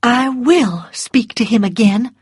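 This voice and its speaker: A gentle young woman, as a woman reader puts her on speaks earnestly and firmly in a raised, light voice, trembling a little. The recording is close and dry. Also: a little high, takes it slowly, breathy edge, no room sound, voice pushed up. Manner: earnest, trembling but firm.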